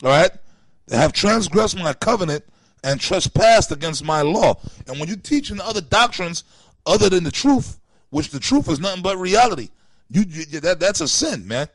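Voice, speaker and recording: A man's voice: high-pitched, very animated, normal speed, no room sound. A man in an open religious forum, reading scripture aloud and scolding his critics in a profane, confrontational way. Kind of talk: preaching, reading scripture with commentary.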